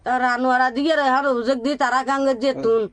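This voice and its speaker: A woman's voice: high-pitched, fairly even intonation, very fast. A woman with a Chittagong accent gives plaintive, unscripted testimony as a bereaved mother, repeating her phrases. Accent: Chittagong, Bangladesh. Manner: repetitive, plaintive. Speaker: bereaved mother being interviewed.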